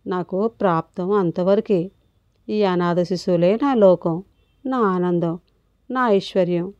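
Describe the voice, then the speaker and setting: A gentle, sorrowful older woman, read by a woman narrator in a soft and tender way. The voice is mellow and warm, and the recording is dry and a little dull. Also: lowish voice, slow, dry recording.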